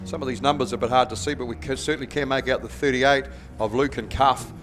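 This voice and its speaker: A man's voice: mid-range voice, steady tone, quick pace, background noise. A man with a New Zealand accent giving casual live commentary as a speedway track announcer.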